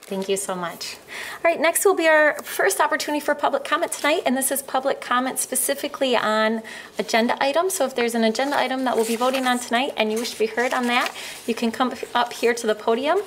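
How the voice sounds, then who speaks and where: An American woman with a fairly high voice chairs a formal public meeting. She speaks in procedural phrases to the room. There is noticeable noise in the recording. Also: fast talker.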